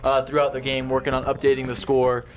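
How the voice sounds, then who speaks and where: A man's voice: mid-range voice, monotone, fast. A man doing enthusiastic, upbeat play-by-play commentary on a football game. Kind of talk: live sports commentary.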